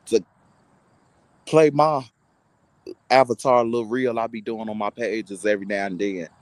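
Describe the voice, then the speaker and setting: A man's voice: mid-range voice, no room sound, rough recording. A content creator, a man, delivering a heated, insulting, mocking rant to his online audience.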